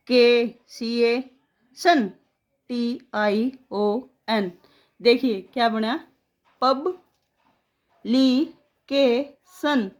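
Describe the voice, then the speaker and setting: A woman teaching spelling, sounding words out letter by letter and syllable by syllable. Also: a little high. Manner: slow, drawn-out syllable-by-syllable dictation.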